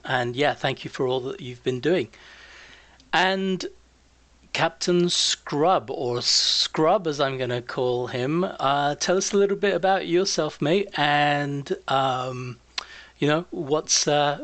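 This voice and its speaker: A man's voice: mid-range voice, a bit bright, no room sound. A man hosting a casual podcast, chatty and encouraging as he puts questions to his guests. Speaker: podcast host. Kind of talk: casual interviewing.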